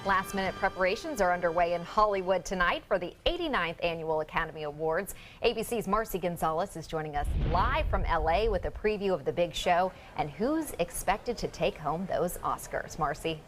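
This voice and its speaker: A woman's voice: fairly low pitch, fairly quick, hardly any pauses, soft background music. An American woman anchoring a broadcast news programme, introducing and chatting with a reporter.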